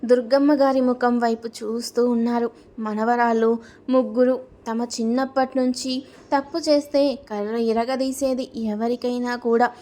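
Woman storyteller, fairly high voice, steady and expressive scripted narration.

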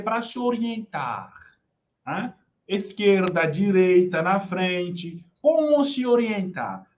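Slow-paced Brazilian woman teaching French. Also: medium pitch, dull audio. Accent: Brazilian Portuguese. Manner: patient, repeats phrases, checks in with the class often. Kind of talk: online language lesson.

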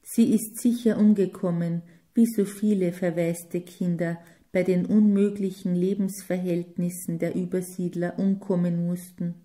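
An earnest grown man who lost his parents as a child tells his story in a slow, mellow voice, as a woman reader speaks his lines. He talks plainly and sincerely, in a storybook reading. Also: fairly low pitch, little pitch movement, close to an everyday voice.

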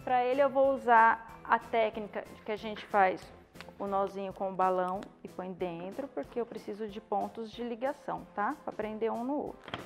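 Standing in an indoor studio before a balloon wall, a Brazilian balloon decorator in her thirties teaches casually and hands-on, with a mid-range voice at a moderate pace. She keeps slipping in quick questions to check understanding. Clear background music runs beneath her.

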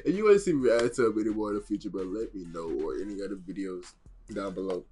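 A man's voice: on the low side, lively intonation, fast talker, warm tone, husky, soft background music. A young man hosting a reaction video, talking in casual, profane slang full of fillers. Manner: profane, slangy, rambling with many likes and bros.

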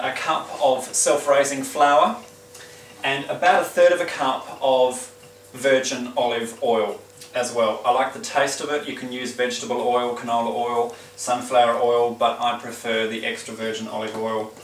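A man playing a glamorous, genteel lady who hosts a home cooking demonstration with theatrical, drawn-out phrasing. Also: medium pitch, fairly even intonation, a little hiss or hum, natural voice. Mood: poised, instructive. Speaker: cooking show host. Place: indoor home kitchen. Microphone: distant camera microphone. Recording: roomy kitchen, distant mic, clattering dishes.

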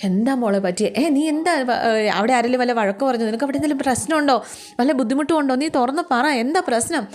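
A woman's voice: a little high, brisk, lightly acted. A woman voicing a protective young woman who coaxes and pleads for an answer. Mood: anxious. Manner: pleading, coaxing questions. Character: anxious protective young woman, older sister figure.

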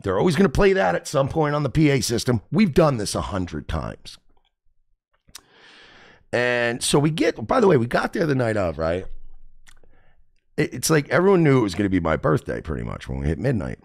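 A man hosting a radio show, telling a comic story in an animated, profane way. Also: medium pitch, moderate pace, creaky, pauses often.

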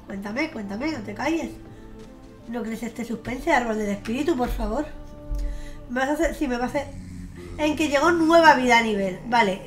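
A young woman commenting on a game she plays, chatty, swearing casually and breaking into gushing squeals. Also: fairly high pitch. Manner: gushing, squealing outbursts of delight. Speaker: streamer. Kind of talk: gameplay commentary. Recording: faint game music behind her.

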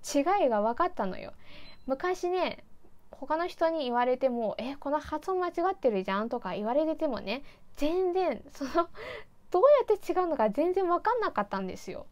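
A woman's voice: high voice, expressive, moderate pace, darkish tone. A young woman from China, a native Chinese speaker, chatting casually in Japanese as a vlogger with lots of fillers and self-deprecating asides. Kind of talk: casual chat about learning Japanese.

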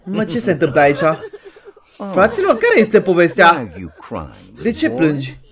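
A young woman giving chatty, excitable commentary as she plays a horror game, shrieking when startled. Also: on the low side, crowd noise. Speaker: gaming YouTuber.

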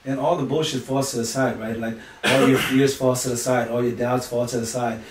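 Male podcast guest, mid pitch, quick and preachy, roomy off-mic sound. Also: flat delivery, recorded from a distance. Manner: preachy, emphatic, uses sayings and analogies. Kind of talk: motivational talk.

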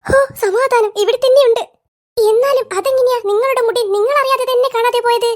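A cartoon voice actor plays squeaky-voiced schoolkids in an animated comedy, firing off quick, teasing banter in a bickering mood.

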